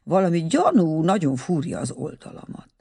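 A man's voice: a little high, sing-song, vocal fry, warm tone, slightly rough, full character voice. A man voicing a friendly young man who speaks courteously and teasingly. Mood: cheerful.

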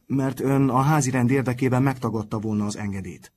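A man's voice: mid-range voice, darkish tone, voice pushed up, lightly acted. A man reading aloud and voicing an earnest, bold teenage schoolboy who takes the lead. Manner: earnest, eager.

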